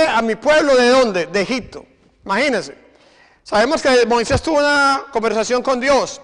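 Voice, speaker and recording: High-voiced male preacher, reverberant hall. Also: fairly bright tone. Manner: asks the congregation rhetorical questions; exhorting, repeats "imagine". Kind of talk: sermon.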